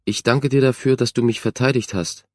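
A man voicing a shy, insecure young girl who speaks softly and hesitantly. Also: medium pitch, fairly even intonation, fairly quick, dry recording, clean studio sound, pitched above the performer's own voice, close to an everyday voice. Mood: timid. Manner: timid, soft-spoken.

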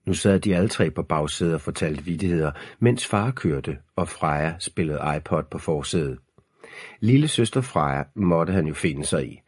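A man narrating a storybook in a very deep, husky voice, measured and ominous. The recording is dry and close, with no room sound. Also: darkish tone, no echo. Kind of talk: scripted audiobook narration.

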